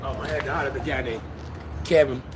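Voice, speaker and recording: A man talks fast in mumbled street slang, heard from a distance. Clear city noise runs behind him. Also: mid-range voice, steady tone. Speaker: passerby.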